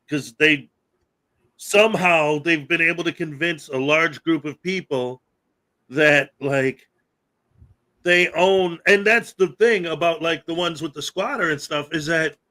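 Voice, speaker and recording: Guy hosting a podcast, kinda high voice, rambly and laughing a lot. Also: unhurried, a bit bright. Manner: rambling, frequent laughter and fillers. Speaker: podcast host. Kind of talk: casual chat.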